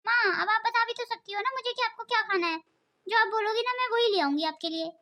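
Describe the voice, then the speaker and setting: A devoted young daughter-in-law in a cartoon family drama, voiced by a woman. She speaks in a very high, thin voice. Her manner is pleading and emotional. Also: fast talker, sharp tone. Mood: soothing. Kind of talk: cartoon voice acting.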